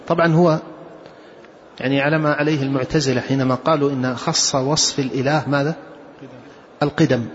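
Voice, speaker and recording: Male lecturer, slightly high voice, explains a theology text and questions the class; muffled recording with faint noise. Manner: reads quotes aloud, then explains with questions to the class. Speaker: Islamic scholar teaching a text.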